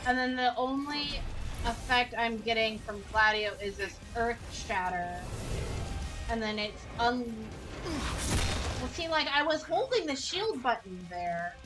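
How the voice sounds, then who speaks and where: A woman's voice: on the high side, animated, measured pace. A woman playing a video game on stream, talking through her moves with mild frustration. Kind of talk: casual chat narrating gameplay. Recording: game music playing behind.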